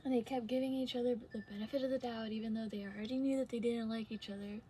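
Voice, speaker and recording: A young adult woman talks casually and confessionally, as if to her vlog audience. Her voice sits fairly high and stays very even in pitch. She speaks in hesitant fragments with pauses, over some background noise. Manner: hesitant, trailing sentences with long pauses. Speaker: vlogger. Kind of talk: casual confessional chat, unscripted.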